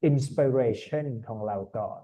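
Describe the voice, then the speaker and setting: A mid-range male voice, unhurried, belongs to an IELTS tutor leading an online speaking lesson. He chats casually in Thai peppered with English words, recorded from an online call.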